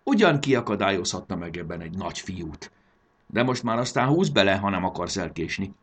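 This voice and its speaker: A man voicing a fussy, affectionate old grandmother who calls out loudly in a storybook reading. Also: low-pitched, sing-song, full character voice. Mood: fondly exclaiming. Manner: scolding yet affectionate, loud calls. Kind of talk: audiobook character voice.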